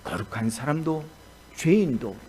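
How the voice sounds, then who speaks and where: A male pastor preaching a sermon in a lively, animated storytelling style. His voice sits fairly high and swings widely in pitch. It comes across warm and engaged. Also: a little slow, a little hiss or hum.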